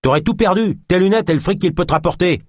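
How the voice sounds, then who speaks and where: Guy playing a burly young street thug, cocky and taunting, husky voice. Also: sits high, fast talker, darkish tone, no echo, studio quality, voice pushed up. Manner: taunting, swaggering.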